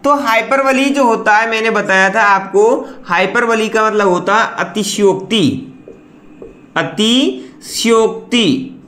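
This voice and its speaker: A man's voice: high voice, moderate pace, sharp tone, roomy sound. A man hosting an online English class, explaining in a chatty way with rhetorical questions and lots of repetition. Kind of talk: explaining lesson.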